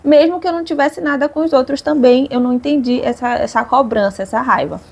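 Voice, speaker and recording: A young woman, speaking in a fairly high voice. She chats casually and expressively with her viewers, vlog-style, her voice climbing sharply when the story gets emotional. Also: fast talker, vocal fry, slightly rough. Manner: chatty, expressive, swings up high at emotional moments. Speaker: vlogger.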